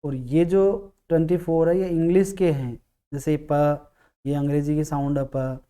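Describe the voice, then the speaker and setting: Mellow-voiced male teacher. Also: a little high, fairly even intonation, clear, resonant tone. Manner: patient, repeats key words, sounds out vowels slowly. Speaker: English teacher. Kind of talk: classroom-style explanation.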